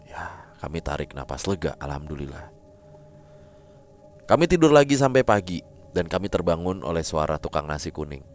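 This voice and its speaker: A man narrating a listener's first-person horror story in an expressive, dramatic way. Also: low-pitched, normal speed, slight background noise.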